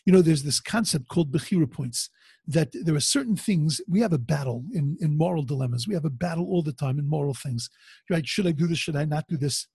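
A man a very husky, rough voice teaches in an informal religious lecture. His pitch sits a little high for a man. He talks conversationally, circling back to rephrase and asking rhetorical questions. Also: expressive, mellow, no echo, studio quality. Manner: halting, repeats phrases as he rephrases. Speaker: rabbi giving a religious talk.

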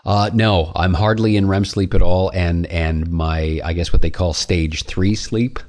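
A man with a low voice hosts a casual podcast interview. He asks curious questions with a dry, wry edge and keeps the talk relaxed. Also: unhurried. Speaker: podcast host.

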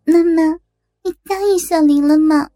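A woman voicing a tearful teenage daughter who pleads in a high, sobbing, halting voice. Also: fairly even intonation, warm tone, soft background music. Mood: eager pleading.

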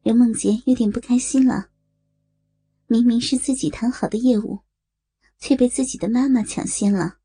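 A woman narrates a story at a slow, measured pace. Her voice is fairly high but dark and mellow, with a gravelly, husky grain. The recording is dry and close, with faint music underneath. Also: fairly even intonation, dry recording.

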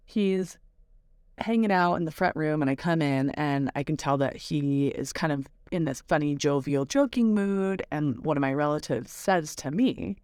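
A woman's voice: low-pitched, moderate pace, a little mellow, no echo, clean studio sound. A woman hosting a parenting podcast, telling a personal story in a candid, reflective, casual way.

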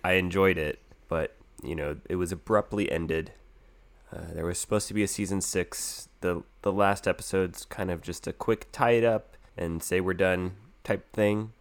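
A man getting over a cold, chatting casually as a podcast co-host in a laid-back, playfully deadpan way. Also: deep voice, normal speed. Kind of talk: casual chat.

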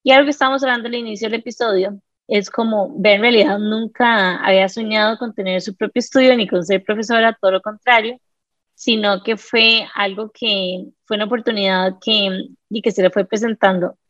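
A woman hosts a podcast, talking in a measured, conversational way. Her audio sounds slightly dull and dry. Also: mid-range voice, steady tone, a bit bright, dry recording. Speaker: podcast host. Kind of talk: interview host questions.

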